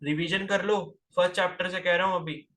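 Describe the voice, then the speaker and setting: A man's voice: high voice, fairly even intonation, fairly quick, pushed and bright. A man teaching a physics class, lecturing and scolding his students with rhetorical questions, terms into his speech.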